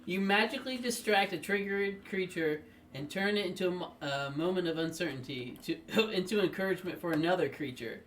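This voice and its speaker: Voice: medium pitch, fairly quick, a bit bright, recorded from a distance, a little hiss or hum. Playful player at a tabletop game. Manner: playful, laughing. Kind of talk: casual game chat.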